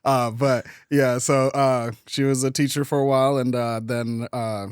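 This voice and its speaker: A man from Kenya, a podcast guest and business owner, telling his life story in a relaxed interview with lots of "uh" and easy laughs. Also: mid-range voice, measured pace, clean tone, no echo, clean studio sound. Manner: easygoing, laughs often, many "uh" fillers.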